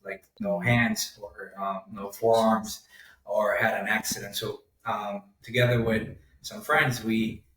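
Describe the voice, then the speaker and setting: A young man, a podcast guest talking through his path in a measured way with frequent pauses. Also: fairly low pitch, little pitch movement, a bit bright. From Honduras. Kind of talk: casual interview. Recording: roomy, distant mic.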